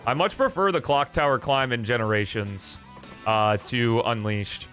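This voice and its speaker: Chatting loosely on his live stream, the young man is loud, rambling, and joking, with lots of filler words, inside a small foam-treated room. His voice sits in the mid range at a moderate pace, and faint music plays behind him.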